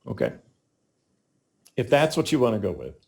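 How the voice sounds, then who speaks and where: A man's voice: lowish voice, huge pitch swings, normal speed, gravelly. A man running a tabletop game as game master, giving dry, matter-of-fact rulings.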